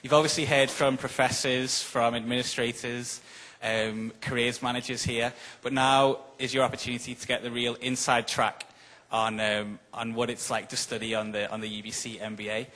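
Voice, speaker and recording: A man's voice: mid-range voice, level tone, moderate pace, sharp tone, rough recording. A man moderating an alumni panel, hesitant, with many fillers and restarts. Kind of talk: hosting a panel. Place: event hall.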